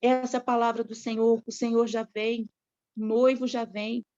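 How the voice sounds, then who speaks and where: A woman's voice: on the high side, flat delivery, normal speed, warm tone. A woman preaching a sermon to other women with a fervent, repetitive cadence. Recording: dull lo-fi recording.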